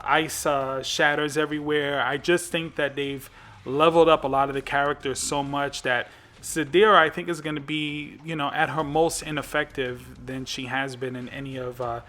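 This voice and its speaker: A man's voice: medium pitch, bright, forceful tone. A man hosting a gaming channel, giving casual commentary on a fighting game, rambling with lots of fillers and restarts.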